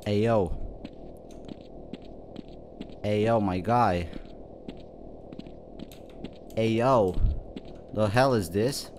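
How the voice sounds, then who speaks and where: Young male gaming YouTuber, slangy horror playthrough commentary, unhurried delivery with loud bursts. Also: lowish voice, a little hiss or hum. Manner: slangy, reacts loudly with sudden outbursts.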